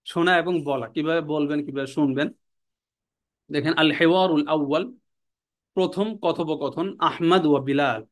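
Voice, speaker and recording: A man teaching an online language class, repeating words and their meanings in a slow, drilling way. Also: fairly high pitch.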